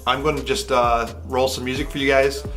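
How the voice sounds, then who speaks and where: A man in his thirties talks casually to a camera in an echoey hotel room. His delivery is hesitant and rambling, at an ordinary male pitch. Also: level tone, brisk, fairly bright tone, faint music behind. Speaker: film photography vlogger.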